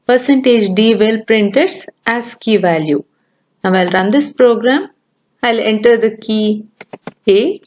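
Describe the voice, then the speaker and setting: Woman teaching coding, kinda high voice, walks thru every step calmly. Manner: steady explaining, talks through each step. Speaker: programming teacher. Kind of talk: screen-recorded coding tutorial.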